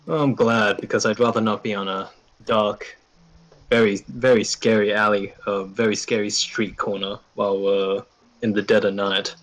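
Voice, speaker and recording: A man voicing a steady male war comrade with a dry, joking way of talking. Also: fairly low pitch, moderate pace, natural voice, rough recording.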